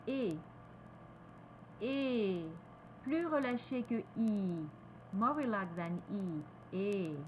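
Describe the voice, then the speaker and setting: A woman with a French accent teaching pronunciation, repeating each word slowly and switching between French and English. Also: medium pitch, animated, a little hiss or hum, poor audio. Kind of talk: slow, careful pronunciation lesson.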